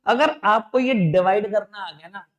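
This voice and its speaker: Man, accountancy teacher, Indian English accent, high voice, slow dictation, coaxing and repetitive. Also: dull audio. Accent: Indian English mixed into Hindi. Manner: addresses students as beta and babu, coaxing and repetitive; dictates slowly, spelling out entries. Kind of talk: classroom lecture.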